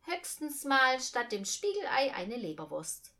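Expressive female storybook reader with a lively voice. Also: high-pitched, measured pace. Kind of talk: reading a children's story aloud.

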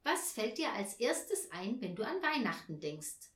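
A woman reading aloud, voicing an eager young schoolgirl who talks in a bright, insistent way. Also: on the high side, big pitch swings, unhurried, echoey room.

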